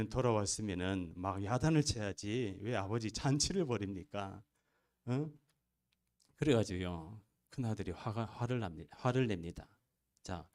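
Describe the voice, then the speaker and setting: Low-voiced pastor guy preaching in church, gets loud and asks the crowd questions. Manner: emphatic preaching with rising bursts and rhetorical questions. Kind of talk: sermon. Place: church sanctuary.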